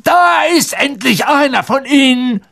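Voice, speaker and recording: A man voicing an eager, excitable young schoolboy who talks in a hurried, excited way. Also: extremely high pitch, pitched above the performer's own voice, heavily acted.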